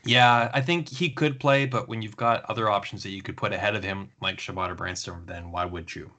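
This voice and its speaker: A man hosting a casual podcast chat, relaxed, talking in long runs with fillers. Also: lowish voice, fairly quick. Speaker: podcast host.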